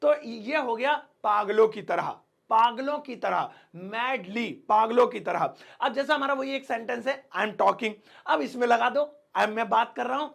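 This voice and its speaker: A young man teaches English grammar, playful and full of little jokes. His voice sits high for a man and carries a gravelly, rough texture. He slows right down to stretch out each example word for the listener. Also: expressive, a bit bright. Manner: joking, playful, drawn-out example words. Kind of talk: casual video lesson.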